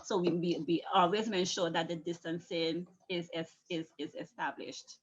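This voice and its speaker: A woman's voice: lowish voice, fairly even intonation, normal speed, husky, dull audio. A woman, a schoolteacher explaining things conversationally in an interview, emphatic and often repeating phrases. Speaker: secondary school teacher being interviewed.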